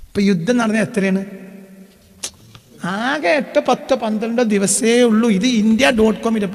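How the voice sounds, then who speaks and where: Brief: male preacher, very high voice, rhetorical questions, reverberant hall. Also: normal speed. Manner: animated, asks and answers his own questions; reads news reports aloud and explains them. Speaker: Islamic preacher. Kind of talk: sermon-style talk on current events.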